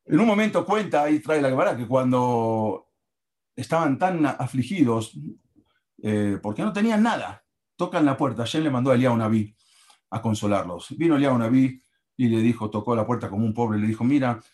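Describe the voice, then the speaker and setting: A man teaching through storytelling, animated, with frequent restarts as he narrates a religious tale. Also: medium pitch, a little fast. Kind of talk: storytelling lesson.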